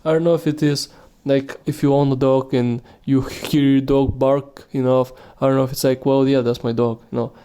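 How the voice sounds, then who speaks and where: A man's voice: mid-range voice, little pitch movement, normal speed, mellow, clear, resonant tone. A man hosting a solo podcast, talking casually and rambling with many restarts and fillers. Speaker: podcast host.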